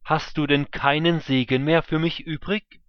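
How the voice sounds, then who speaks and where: A man reading scripture aloud, voicing a bitter grown son who cries out and pleads loudly with his father. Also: a little high, steady tone, moderate pace, clean tone, no room sound, dull audio, voice pushed up, natural voice.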